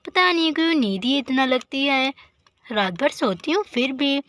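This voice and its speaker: Bright high-voiced woman telling a doll story. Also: moderate pace, no echo. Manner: lively homely chatter, talking to herself. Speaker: storyteller voicing all the dolls. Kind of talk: Hindi doll story narration with character voices.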